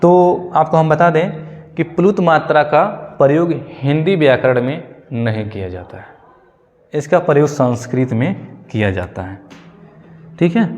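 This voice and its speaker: A man giving an exam-prep grammar lesson, explaining slowly and going over key points more than once. His pitch sits in the middle range for a man, and a long reverb trails his words around the room. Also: darkish tone. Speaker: teacher.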